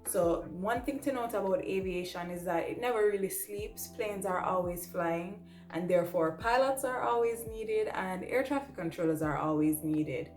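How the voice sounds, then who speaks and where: A young Jamaican woman with a fairly low, darkish voice presents casually to camera as a vlogger, air traffic control trainee and pilot. She's conversational and emphatic, often checking in with listeners by ending points with "right?". Music plays under a roomy, echoing recording.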